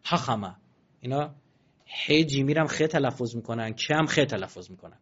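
Man preaching with loud emphatic bursts. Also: medium pitch, animated, husky, dull audio. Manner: swings from quiet asides to loud emphatic bursts; recites verses slowly and deliberately. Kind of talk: religious talk with recited poetry.

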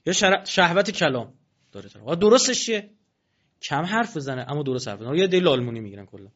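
Animated and colloquial, a male preacher gives a sermon peppered with mocking asides. The lo-fi recording sounds dull and muffled, and his voice is slightly high.

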